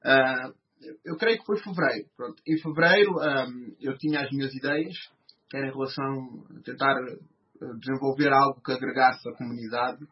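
A man's voice: medium pitch, fairly even intonation, moderate pace. A man in his thirties with a European Portuguese accent, a guest answering interview questions hesitantly, with many fillers and restarts. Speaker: guest, podcast host. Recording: slightly muffled recording.

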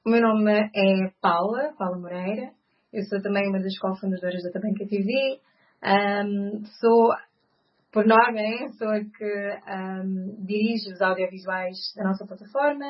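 A woman in her thirties with a European Portuguese accent, a guest answering interview questions with frequent pauses and fillers. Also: medium pitch, fairly even intonation. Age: 30s. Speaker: guest, co-founder. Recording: slightly muffled recording.

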